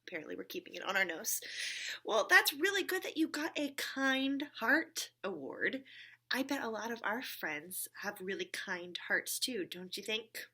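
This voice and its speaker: At a church story time for kids, a woman chats with a puppet friend in simple, encouraging words, often pausing to check in with questions. Her fairly high voice is very animated and pushed bright with a breathy edge, at a moderate pace.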